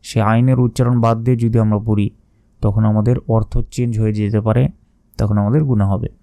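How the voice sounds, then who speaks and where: A man with a Bangladeshi Bengali accent teaching Quran pronunciation, explaining each sound and then slowly drawing out the recited words. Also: on the low side, level tone, warm tone, dry recording. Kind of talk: spoken lesson with slow recited phrases.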